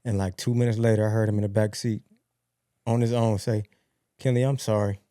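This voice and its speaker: A man's voice: fairly low pitch, little pitch movement, brisk, dry recording, studio quality. A man, telling a story about his kids on a casual podcast in a reflective way. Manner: warm reflective storytelling, acts out dialogue. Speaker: podcast co-host.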